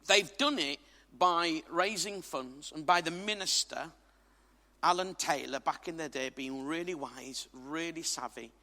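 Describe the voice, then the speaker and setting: A man's voice: fairly high pitch, measured pace, bright, forceful tone. A man from England preaching a sermon to a congregation, emphatic and jokey, with asides to the crowd. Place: church hall. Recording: reverberant hall.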